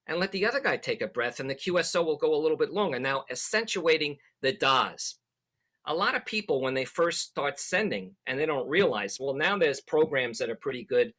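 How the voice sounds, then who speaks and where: A man giving a quick, animated presentation as a club instructor. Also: mid-range voice. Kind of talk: presentation talk.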